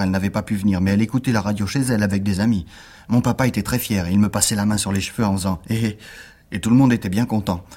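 A man's voice: lowish voice, a little mellow, husky. A man narrating a children's story aloud in a chatty, childlike storytelling tone.

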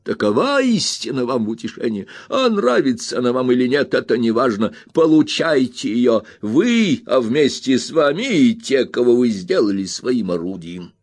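A man reading aloud, voicing a stern and indignant elderly aunt who scolds in slow, emphatic phrases. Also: medium pitch, very animated, no room sound. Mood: indignant scolding.

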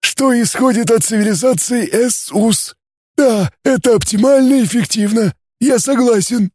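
A man doing a high gurgling alien. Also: moderate pace, dark tone, slightly rough, no echo, clean studio sound. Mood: coolly logical. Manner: gurgling, detached, formal. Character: gurgling male alien scholar, cold and calculating.

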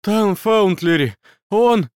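A man's voice: sits high, moderate pace, no echo, studio quality, pitched above the performer's own voice, lightly acted. A man voicing a frightened, out-of-breath teenage schoolboy who talks in agitated gasps. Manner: agitated, gasping.

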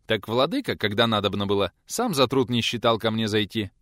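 Man playing a gruff older male teacher, sarcastic, growling, blunt. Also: lowish voice, animated, a little fast, a bit bright, no room sound, studio quality. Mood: gruff scolding.

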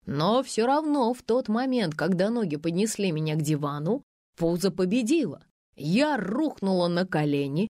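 A woman's voice: on the high side, no room sound, clean studio sound. Wry woman narrating an audiobook. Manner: wry, deadpan humor. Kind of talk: first-person ironic audiobook narration.

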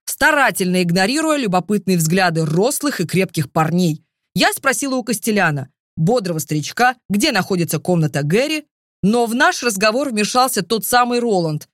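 Expressive female audiobook narrator, dry close studio sound. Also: medium pitch, dry recording. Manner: lively, expressive storytelling. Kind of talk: first-person fantasy audiobook narration.

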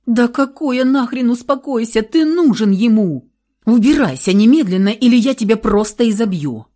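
A stubborn, frantic young woman, performed by a woman reader flares up in high, shrill bursts. Her voice leaps sharply up and down as she pleads and scolds in an audiobook. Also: big pitch swings, normal speed, mellow. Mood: furious. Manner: shrill, outbursts of hysterics. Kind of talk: audiobook role reading.

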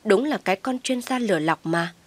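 A woman voicing a furious older mother-in-law who shouts and scolds harshly. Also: mid-range voice, animated, fairly quick, dry recording, natural voice.

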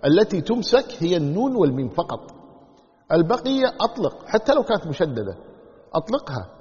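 A man's voice: sits high, very animated, fairly quick, darkish tone. A man teaching the rules of Quran recitation, repeating key words and sounding out examples. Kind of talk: tajweed lesson explaining rules. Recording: lo-fi recording with long hall echo.

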